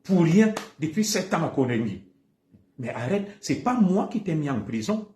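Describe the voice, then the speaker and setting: A man's voice: a little high, big pitch swings, normal speed, dark tone, roomy sound. A man with a Cameroonian French accent, speaking on a livestream in a heated monologue and hammering the same accusations again and again. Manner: combative, repeats accusations emphatically. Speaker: live streamer.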